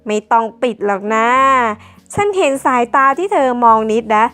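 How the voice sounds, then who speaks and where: A woman's voice: a little high, big pitch swings, moderate pace, a bit bright, faint music behind. A woman voicing a young male contestant who talks in a teasing way.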